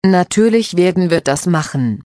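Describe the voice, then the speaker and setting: A woman voicing a patient mother who calmly explains cooking steps to her children. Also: lowish voice, moderate pace, no echo, studio quality, natural voice. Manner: calm, instructive.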